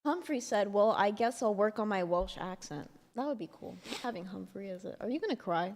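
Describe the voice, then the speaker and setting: A woman hosts a podcast-style casual chat, rambling along with plenty of "like"s and "um"s. Her mid-range voice has a darkish tone and she sounds animated, speaking fairly quickly. A long hall reverb hangs over the recording.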